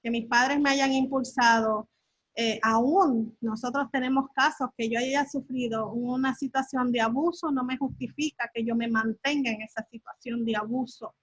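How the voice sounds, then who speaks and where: Earnest high-voiced woman on a call. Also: fairly even intonation, moderate pace, husky, dry recording, muffled recording. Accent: Latin American Spanish. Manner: earnest, with many fillers and tag questions. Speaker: workshop speaker.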